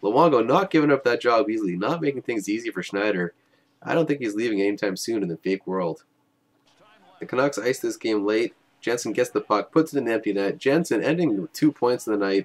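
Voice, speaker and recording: Wry young man calling game highlights. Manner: wry, joking, self-mocking. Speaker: highlights commentator. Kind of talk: casual play-by-play voice-over.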